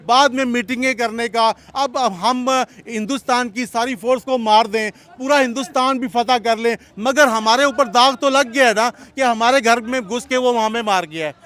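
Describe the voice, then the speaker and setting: A man's voice: extremely high pitch, fairly bright tone. A man with a Pakistani Urdu accent, giving an impassioned opinion full of rhetorical questions. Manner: impassioned, rhetorical questions, repeats "theek hai?". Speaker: interviewee. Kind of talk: heated street opinion.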